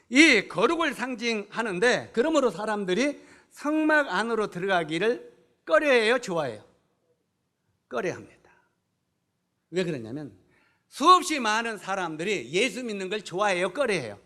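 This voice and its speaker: A man's voice: sits high, sharp tone. A middle-aged man, preaching a sermon and often putting questions to the congregation, then answering them himself.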